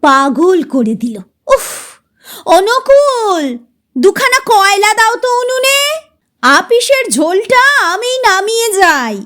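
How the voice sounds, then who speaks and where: A woman's voice: extremely high pitch, big pitch swings, takes it slowly, fairly bright tone, pitched above the performer's own voice, heavily acted. A woman voicing a busy, short-tempered mother who scolds and snaps while cooking. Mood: exasperated. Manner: scolding, exasperated.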